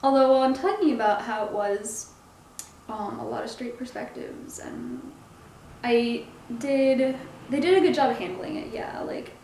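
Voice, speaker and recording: A woman's voice: high-pitched, unhurried, a little mellow. A woman giving a casual review in a hesitant way, groping for words and correcting herself as she goes. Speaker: comic book reviewer. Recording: echoey room, faint background noise.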